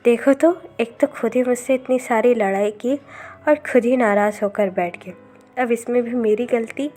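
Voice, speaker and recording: A woman's voice: fairly high pitch, normal speed, mellow, natural voice. Woman playing a jealous, huffy young man. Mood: grumbling. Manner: angry, huffy. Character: sulky, jealous young man, quick to anger.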